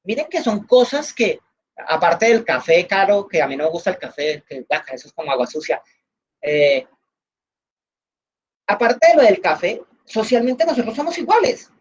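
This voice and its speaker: Woman, Valle Colombian accent, online class lecture, chatty, many fillers, mid pitch, dull lo-fi call audio. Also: big pitch swings, normal speed, slightly rough. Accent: Valle del Cauca Colombian. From Valle del Cauca, Colombia. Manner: chatty, explains with everyday examples, many fillers. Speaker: instructor.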